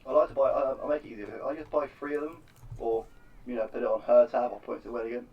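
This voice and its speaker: A man's voice: mid-range voice, fast, far from the mic, highs cut off, close to an everyday voice. A man voicing a polite robot nurse who haggles hesitantly. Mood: polite haggling.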